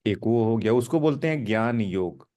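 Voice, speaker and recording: A man's voice: fairly low pitch, expressive, moderate pace, mellow. A middle-aged man teaching an informal spiritual lesson, explaining step by step and often checking with listeners. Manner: conversational, explanatory, asks listeners "ठीक है?".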